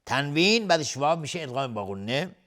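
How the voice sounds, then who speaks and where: A man teaching the rules of Quran recitation. He chants each verse slowly and melodically, then explains the rules in quick, plain speech. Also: on the high side, big pitch swings, a bit bright.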